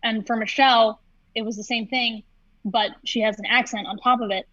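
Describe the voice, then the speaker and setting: A young woman, a voice actress, chatting casually on a livestream and telling animated stories. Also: fairly high pitch, moderate pace, dry recording, lo-fi sound. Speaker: voice actress, co-host.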